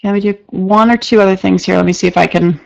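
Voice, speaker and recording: A woman teaching a live online marketing class. She talks quickly and chattily, with many fillers and restarts. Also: mid-range voice, vocal fry, muffled recording. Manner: fast-talking, says she speaks fast when excited. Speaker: marketing instructor.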